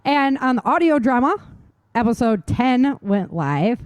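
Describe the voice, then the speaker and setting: A novelist who co-hosts a podcast chats casually in a fairly high, animated voice, speaking a little slowly with no echo. Her manner is informal and enthusiastic.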